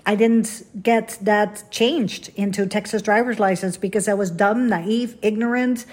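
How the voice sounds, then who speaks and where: A woman's voice: medium pitch, fairly even intonation, measured pace, darkish tone. Middle-aged woman hosting a solo podcast, rambly and honest, pokes fun at herself. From Netherlands. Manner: candid, rambling, self-deprecating. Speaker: podcast host. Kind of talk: casual solo podcast monologue.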